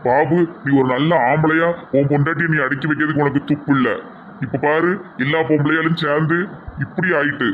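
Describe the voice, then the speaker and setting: Flat-voiced Tirunelveli man, stern. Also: on the high side, brisk, a little hiss or hum. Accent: Tirunelveli Tamil. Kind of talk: comedy sketch acting. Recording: dull lo-fi sound.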